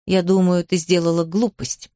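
A woman voicing a sensible older aunt who gives calm, gentle advice. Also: fairly low pitch, moderate pace, no room sound, studio quality, natural voice. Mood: gentle admonishing. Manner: calm, instructive, soft.

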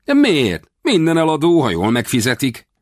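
A man voicing an eager, cheeky young boy who chatters in a high, excited, boastful way in an audiobook. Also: no echo, studio quality. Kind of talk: audiobook character voice.

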